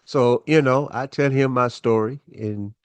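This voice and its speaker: A man's voice: mid-range voice, measured pace, smooth, no echo. A man hosting his own show, telling a personal story in a laid-back, chatty way with lots of fillers.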